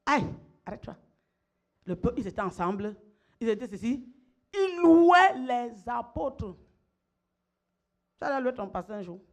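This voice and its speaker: A middle-aged woman pastor preaches a sermon with emphasis, repeating phrases and calling for her listeners to respond. Her voice is medium-pitched and her pace brisk.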